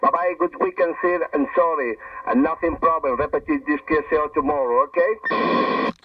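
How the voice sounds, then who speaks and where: A man's voice: on the high side, moderate pace, slightly rough, no room sound, muffled recording. A man from Spain with a Spanish accent, a ham radio operator heard over a fading shortwave radio link, apologizing often and asking "okay?" after his sentences. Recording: faint hissy distant shortwave radio.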